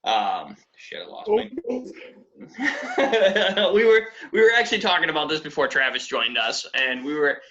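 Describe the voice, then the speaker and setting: A man from New England talks loosely on a podcast, swearing and jumping up into high voices when he quotes people. His voice sits a bit high and rings bright and forceful. The recording sounds slightly dull, like a budget lo-fi mic. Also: sing-song, measured pace. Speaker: podcast host. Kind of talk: casual chat.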